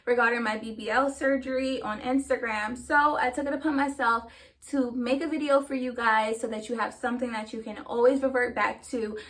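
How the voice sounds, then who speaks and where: A woman's voice: a little high, steady tone, brisk, fairly bright tone. A woman chatting casually to her viewers in an emphatic, sassy, slangy way, a little short of breath. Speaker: vlogger.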